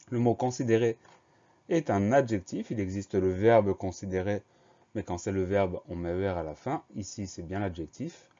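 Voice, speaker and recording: A man teaching a spelling lesson, slowly and deliberately spelling words letter by letter for dictation. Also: lowish voice, warm tone. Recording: dull lo-fi recording.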